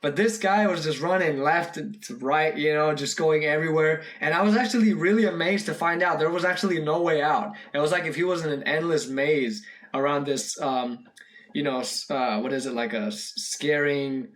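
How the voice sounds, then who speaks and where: A man's voice: on the high side, normal speed, fairly bright tone. A young man giving casual, rambling reaction commentary on a short horror film, full of fillers and restarts. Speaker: video reactor.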